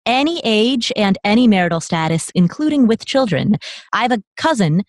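A woman born in Nepal, a podcast guest telling her story in a lively, self-correcting conversational way. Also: medium pitch, moderate pace, no echo, clean studio sound. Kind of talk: conversational interview.

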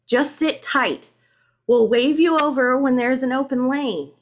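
Woman playing a brusque, commanding policeman, raised pitch. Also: big pitch swings, fairly quick. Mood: firm, calm. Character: firm, brusque male police officer at crash scene.

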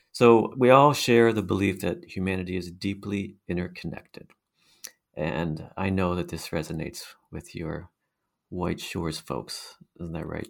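A man's voice: low voice, vocal fry. A middle-aged man with a hypnotic, mesmerizing voice, answering interview questions conversationally as a guest researcher.

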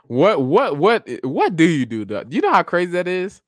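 A man's voice: high-pitched, wildly swooping pitch, moderate pace, dry recording, studio quality. A young American man in casual chat, exclaiming in frat-bro slang and tacking "dude" onto phrases. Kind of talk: casual group chat on a stream.

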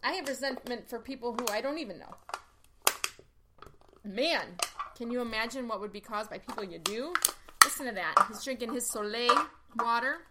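A woman's voice: on the high side, expressive, normal speed, very noisy. A woman co-hosting a podcast, telling a personal story candidly in casual chat, acting out quoted dialogue and swearing freely. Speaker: podcast co-host.

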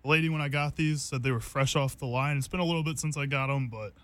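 A man's voice: mid-range voice, fast, fairly bright tone. A young man hosting a casual food taste test, rambling loosely with fillers and laughing often. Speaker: host.

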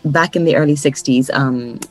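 A woman from Ghana, a guest coach on a podcast interview, telling stories in an animated way and laughing often. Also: rumbling low, a little fast, soft background music, rough recording. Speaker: guest, course creation coach.

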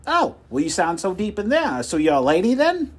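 A man's voice: sits high, wildly swooping pitch, normal speed, heavily acted. A man playing a pushy, insulting telemarketer who brags and swears. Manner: loud, insulting hard sell. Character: pushy rude male phone salesman.

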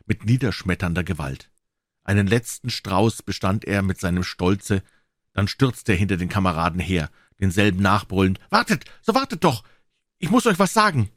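A man narrating a classic novel with expressive storytelling. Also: deep voice, dry recording, clean studio sound. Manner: expressive storytelling, voicing the characters. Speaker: audiobook narrator.

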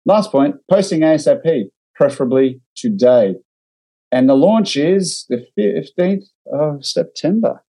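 On a remote call, an Australian co-host and digital marketer talks marketing on a casual podcast, reading out clips and critiquing them with dry wit. His voice sits on the high side, warm and expressive, a little slow, in a rough recording.

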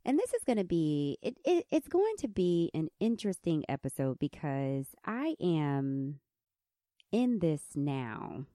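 With a squeaky, high voice and a country accent, a woman podcast host speaks unhurriedly in a personal, reflective monologue. She's candid and animated, laughing as she tells stories, and the studio sound is clean with no room sound.

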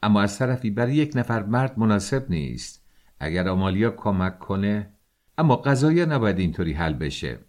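A man voicing a cold, self-assured gentleman who accuses and lectures in a calm, measured way. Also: fairly low pitch.

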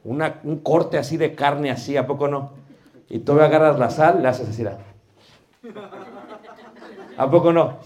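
A man with a Mexican accent teaching a class on preaching, animated and full of rhetorical questions. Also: fairly high pitch, a little slow, long pauses. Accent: Mexican Spanish. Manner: animated, asks rhetorical questions, homely cooking comparisons. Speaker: preaching instructor. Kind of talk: lively class lecture.

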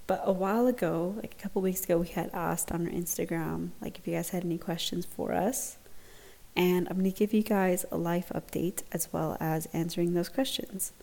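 Young female podcast host, low and creaky, self-conscious and hesitant, chatting solo into an earphone mic. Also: dark tone. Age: young adult. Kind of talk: casual solo podcast update. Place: dorm study lounge. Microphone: laptop recording with earphone mic.

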